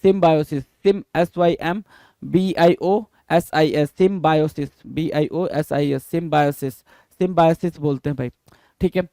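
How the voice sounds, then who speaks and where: A man's voice: fairly high pitch, warm tone, no room sound, clean studio sound. A man teaching a vocabulary lesson for exam prep, quizzing students and spelling words out letter by letter. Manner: reads English definitions slowly.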